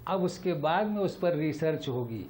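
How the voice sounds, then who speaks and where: Emphatic high-voiced male religious teacher. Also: animated, darkish tone. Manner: emphatic, repeats rhetorical questions. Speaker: Islamic teacher. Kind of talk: Quran lesson with questions.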